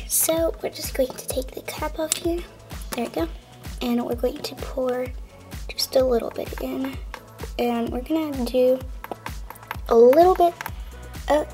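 A woman voicing a cheerful female pink lamb toy hosting a cooking show, chatty and walking through each step with soft asides. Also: high voice, rough recording. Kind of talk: toy stop-motion cooking show voice-over.

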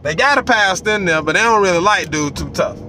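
A man in his forties vents in loose, animated commentary, his fairly high voice swinging up and down as he acts out characters. He records on a dashboard phone inside a car, with a faint hum of the vehicle behind him. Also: fast. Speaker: vlogger. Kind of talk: casual commentary.

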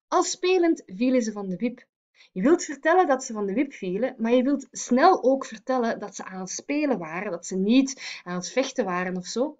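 A woman teacher explains grammar in a recorded lesson, setting out each step clearly and correcting her own slips. Her voice sits a little high. The recording sounds dull and lo-fi.

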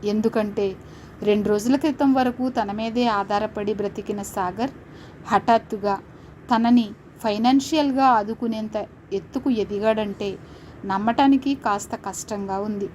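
A woman storyteller giving a steady, expressive scripted story narration. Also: mid-range voice, unhurried, poor audio. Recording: faint background noise.

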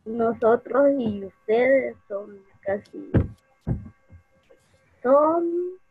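A female student asking her teacher questions and thinking aloud in a halting way. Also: a little high, animated, slightly rough, no echo. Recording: dry, dull lo-fi audio.

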